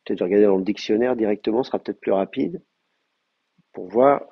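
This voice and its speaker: A man's voice: fairly low pitch, a little fast, breathy edge. A man teaching a language class, explaining step by step and thinking aloud, with frequent hesitations and fillers. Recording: muffled lo-fi class recording.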